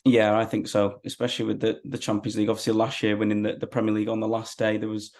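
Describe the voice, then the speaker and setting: A man's voice: fairly low pitch, monotone, fast talker, darkish tone. A man, chatting casually as a football fan being interviewed.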